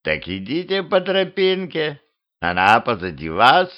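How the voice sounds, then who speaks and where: A man voicing a gloomy talking skeleton stuck in a tree, speaking slowly with drawn-out, ominous words, on a dull lo-fi home recording. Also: medium pitch, huge pitch swings, pitched above the performer's own voice. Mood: mournful.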